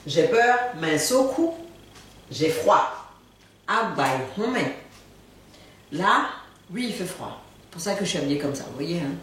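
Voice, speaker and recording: A woman with a low, lively voice gives a relaxed language lesson, playful and joking, repeating words for her learners. She sits some way from the mic in a strongly echoing room, with faint noise underneath. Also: a little slow, pauses often. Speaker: language teacher. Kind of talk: casual video lesson. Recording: very echoey room, far from mic.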